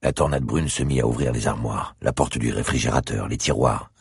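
Male audiobook narrator, first person, very low and gravelly, slow brooding reads, dry booth sound. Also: no room sound. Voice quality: gravelly, husky, very deep. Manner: slow, brooding delivery, rises sharply in his spoken lines.

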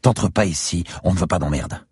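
A man voicing a tough, foul-mouthed woman bar owner in a thriller audiobook, speaking shrill and loud. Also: moderate pace, husky, dry recording, studio quality, heavily acted. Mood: blunt.

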